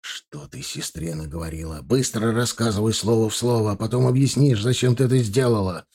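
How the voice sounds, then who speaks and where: Casting: a man doing a hissing, menacing husband, low and slow, warm husky tone. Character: furious middle-aged husband, taxi depot deputy.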